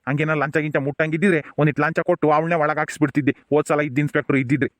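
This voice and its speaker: Guy playing an old village gowda grandpa, rural tumakuru kannada accent, fast and kinda high, keeps saying hush don't cry. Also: flat delivery, no room sound, lightly acted. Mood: consoling. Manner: soothing, pleading, repeats hush phrases. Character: elderly village headman grandfather, proud but tender. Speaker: jailed grandfather. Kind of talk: village family drama acting.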